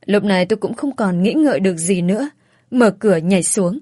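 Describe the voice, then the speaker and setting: Woman narrator, first-person audiobook story, earnest and emotional, medium pitch, dry close sound. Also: expressive, brisk, warm tone, no echo.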